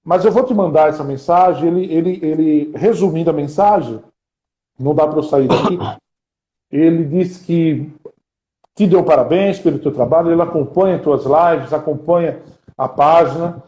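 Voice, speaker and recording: A man's voice: on the high side, normal speed, dark tone, roomy sound, lo-fi sound. A man, hosting a live-streamed interview and asking earnest rhetorical questions. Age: 40s. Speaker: interviewer and podcast host.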